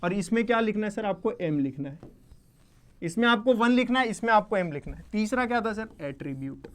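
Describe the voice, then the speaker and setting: A man's voice: high-pitched, expressive, fairly quick. A man teaching an online exam-prep lecture. He keeps asking and answering his own questions, checks in with the class often, and mixes Hindi with English definitions he reads aloud.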